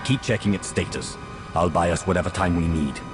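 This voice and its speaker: In this video game cutscene, a man with a low voice plays a resolute lord who gives urgent orders in a formal, authoritative way. His pace runs a little fast and the acting is light, with music clearly present beneath him.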